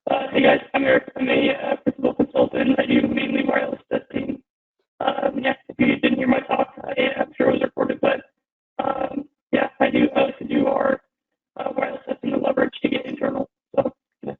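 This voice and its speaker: A man talking casually on a panel, his voice very deep and gravelly with a rough, husky edge. The call mangles him into a robotic, phone-thin sound that seems to come from away from the mic, with faint music somewhere behind. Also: flat delivery, a little fast. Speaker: panel guest, wireless tester. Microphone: video call. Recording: distorted lo-fi video-call audio from far off.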